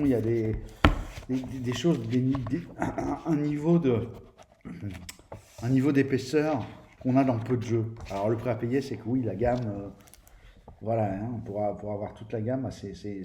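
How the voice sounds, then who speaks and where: A man's voice: mid-range voice, dark tone. A man giving a casual spoken review of a tabletop game book, speaking to viewers directly in a hesitant way, with many restarts and fillers. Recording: roomy echo, faint background noise.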